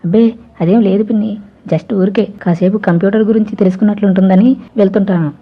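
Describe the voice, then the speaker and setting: A woman's voice: medium pitch, steady tone, quick pace, natural voice. A woman voicing a bashful young man of twenty who pleads and coaxes, in a dull lo-fi recording. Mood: sheepish pleading. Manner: coaxing, sheepish.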